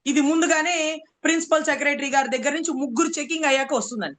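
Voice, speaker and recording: A woman's voice: high-pitched, fairly even intonation, quick pace, fairly bright tone. A woman from Andhra Pradesh arguing hard in a political debate, sarcastic and full of rhetorical questions. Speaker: political commentator.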